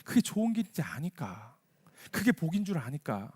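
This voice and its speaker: A man preaching a sermon in a church, his voice sitting high and swinging widely between peaks and dips. He keeps it conversational, firing off rhetorical questions and briefly acting out the prayers of the people he describes. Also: big pitch swings, moderate pace, a little mellow, breathy edge. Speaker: pastor. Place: church sanctuary.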